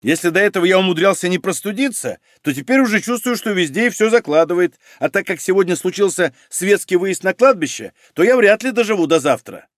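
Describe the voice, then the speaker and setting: A grumbling, whiny forensic expert from an audiobook, always moaning about cold and hunger, as a man reads him. The voice sits a little high and swings widely in pitch. The recording is close and dry. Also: animated, brisk, few pauses, no room sound. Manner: whining, grumbling.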